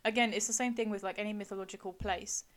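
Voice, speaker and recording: A woman's voice: mid-range voice, fairly even intonation, quick pace, fairly bright tone. A woman, co-hosting a podcast in eager, gushing casual chat. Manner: enthusiastic, gushing. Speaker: podcast co-host.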